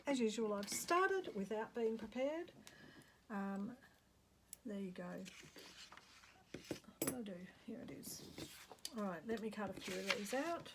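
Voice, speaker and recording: Slow, chatty Australian woman crafting. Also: mid-range voice, lively intonation. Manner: rambling, thinks aloud, murmurs to herself while working. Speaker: craft vlogger. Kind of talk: casual crafting chat. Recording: clear background noise.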